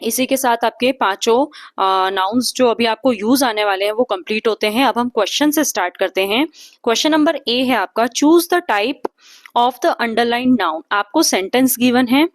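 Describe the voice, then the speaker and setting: Patient woman teaching young kids, fairly high voice. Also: moderate pace, no echo. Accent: Indian English. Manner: patient, asks the class questions and answers them, repeats "ठीक है". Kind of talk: explaining a grammar lesson to young students.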